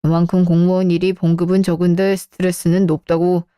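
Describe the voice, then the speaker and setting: A woman's voice: lowish voice, flat delivery, fairly quick, mellow, smooth, no room sound, clean studio sound, natural voice. A woman voicing a stressed, defensive adult son in a Korean radio drama. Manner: whiny, defensive. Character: grumbling adult son, a stressed civil servant.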